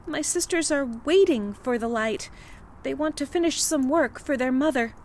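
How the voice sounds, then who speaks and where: A woman's voice: sits high, moderate pace, darkish tone, slight background noise, voice pushed up, lightly acted. A woman voicing a polite, timid young peasant girl in a storybook reading, speaking earnestly with a slight tremble.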